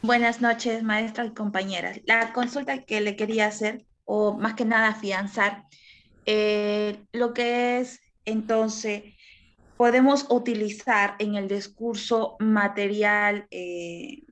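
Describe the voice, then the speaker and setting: A woman's voice: medium pitch, level tone, slow, fairly bright tone. A woman student with a Peruvian Spanish accent, asking her teacher a question over a video call in a polite, hesitant way.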